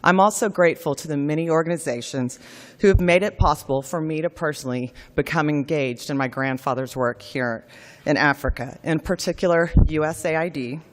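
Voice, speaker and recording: A woman's voice: sits low, in a large hall. A woman giving a formal speech at a forum, gracious and earnest, telling a personal family story. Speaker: keynote speaker at a forum.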